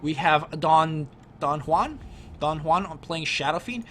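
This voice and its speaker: Man, game caster, chatty and joking, slightly high voice, faint noise behind. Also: slow pace. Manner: chatty, joking, energetic, laughs easily. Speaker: esports commentator. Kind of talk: casual game commentary over a replay.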